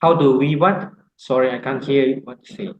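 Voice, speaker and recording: Halting male instructor in echoey room. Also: medium pitch, steady tone, lo-fi sound. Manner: halting, many fillers. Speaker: course instructor. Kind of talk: online orientation session.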